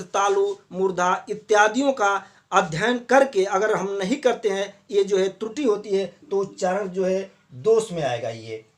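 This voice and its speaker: High-voiced male Hindi teacher lecturing. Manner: repetitive, explanatory, frequent filler phrases. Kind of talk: classroom lecture on Hindi pronunciation.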